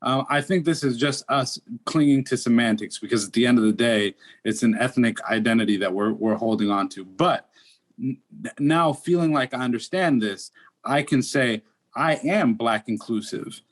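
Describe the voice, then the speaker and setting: A man's voice: medium pitch, normal speed. A Dominican American man in a casual podcast discussion, explaining his views earnestly with statistics and many restarts. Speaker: podcast co-host.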